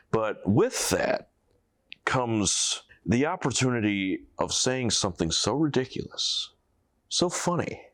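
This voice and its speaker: A man playing a pompous, over-relaxed interviewee in a comedy sketch, speaking deliberately with dramatic pauses. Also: on the low side, dry recording, clean studio sound, full character voice. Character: pompous, over-relaxed male interviewee spouting mock philosophy.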